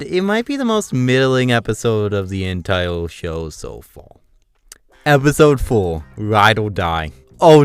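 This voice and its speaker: Fast, loud, animated male cartoon reviewer. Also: on the low side. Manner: talks fast and loud, excitable. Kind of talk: casual episode-by-episode review.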